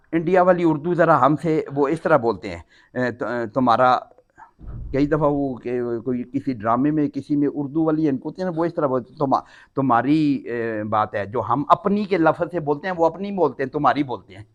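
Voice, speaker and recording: A man's voice: fairly high pitch, lo-fi sound. An older man from Pakistan teaching a Quran class, reciting Arabic phrases and then explaining each word with patient repetition.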